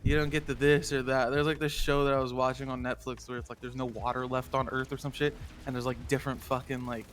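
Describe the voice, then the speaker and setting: A man's voice: medium pitch, level tone, quick pace, few pauses, a bit bright, a little hiss or hum. A male stream host in casual gaming chat, laughing often and swearing offhandedly.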